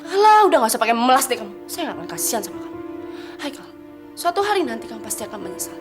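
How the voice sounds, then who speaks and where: A woman's voice: fairly high pitch, sing-song, over music. An actress playing a cruel, vengeful young woman who speaks coldly and with scorn. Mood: scornful. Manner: scornful, cold, quick.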